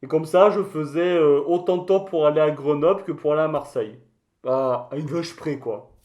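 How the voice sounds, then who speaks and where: A man's voice: fairly high pitch, normal speed, darkish tone, natural voice. A man voicing a touchy, boastful mascot creature in a comic mock interview, rambling in crude slang. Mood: rambling storytelling. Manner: slangy, crude, hesitant rambling storytelling with outbursts.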